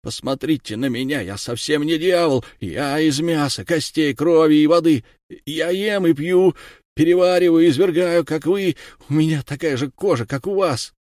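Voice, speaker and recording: A furious accused nobleman, voiced by a male reader, loud and pitched up. He shouts his defiance in a storybook reading with a dry close sound. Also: unhurried, dry recording, close to an everyday voice. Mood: indignant.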